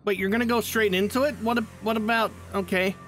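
A man's voice: sits high, fast talker. A man putting on a playful, boastful martial-arts hero, giving goofy in-character gameplay commentary. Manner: goofy, excitable. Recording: loud game music behind.

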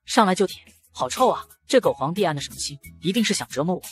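A man voicing a sharp-tongued young palace maid in an audio drama, blunt and grumbling. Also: high voice, big pitch swings, fast, faint music behind.

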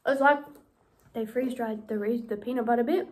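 A woman's voice: a little high, fairly even intonation, a little fast. A young woman vlogger in casual taste-test chat, talking enthusiastically with her mouth full of candy. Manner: chatty, enthusiastic, laughs easily.

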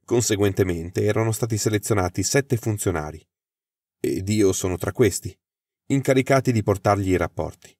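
A man's voice: lowish voice, moderate pace, darkish tone, no echo, studio quality. A man voicing a flustered, anxious young government official who explains his trouble earnestly.

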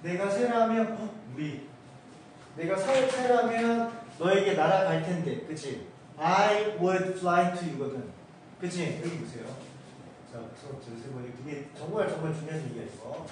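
A man teaching an English grammar lesson in a casual, lively way, checking often that his students follow. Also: on the high side, a little slow, a little hiss or hum. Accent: Korean. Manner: animated, asks students constant check questions. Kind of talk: casual classroom lecture. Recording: echoey room, far from the mic.

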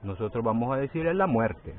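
A man in his forties, a community judge, interviewed outdoors by a forest clearing, talking haltingly and repeating words, growing forceful as he protests. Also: mid-range voice, animated. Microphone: phone held near the face. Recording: tinny phone-like sound.

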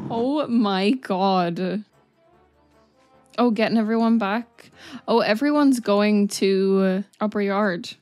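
A woman's voice: on the high side, darkish tone, no echo. Gushing woman reacting to an anime. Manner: gushing, exclaims often, swears casually. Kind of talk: casual reaction commentary.

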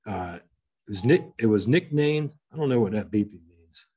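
Husky-voiced male museum curator lecturing. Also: lowish voice, animated, mellow. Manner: reads with pauses and restarts, chuckles at anecdotes. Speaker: museum curator giving a talk. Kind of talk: slide lecture, reading an old article aloud. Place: museum auditorium.

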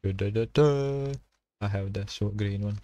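A man streaming a survival game, talking to himself and his chat in halting, while he plays. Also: fairly low pitch, level tone, a little mellow, no room sound, dull audio. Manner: halting non-native English, thinking aloud while playing. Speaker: gaming streamer. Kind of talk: casual gameplay commentary.

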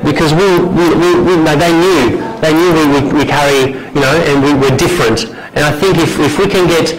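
Standing and gesturing, an earnest man from Romania teaches through stories as a discipleship trainer, often restarting his sentences. His voice is a little high and moves at normal speed. Recorded by a distant camera, the small indoor meeting room sounds echoey and has background noise.

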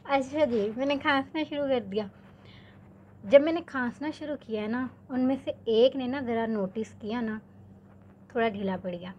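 A young woman from Pakistan, telling a story to her vlog viewers in a chatty, animated way, full of filler words. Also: a little high, moderate pace, slight background noise. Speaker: vlogger.

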